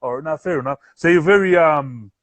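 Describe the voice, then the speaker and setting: On a remote live-stream call, a podcast interviewer keeps things casual with slangy encouragement and plenty of "bro," all in a broad Kiwi accent. He sounds a little high and a bit bright, moves along briskly, and there's no echo.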